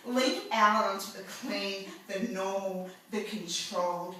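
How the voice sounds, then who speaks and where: A woman performing a spoken-word poem live, defiant, crude and emphatic, now and then rising to shouts. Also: mid-range voice, slow, far from the mic. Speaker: poet. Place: live event venue. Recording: echoey room, mic from afar.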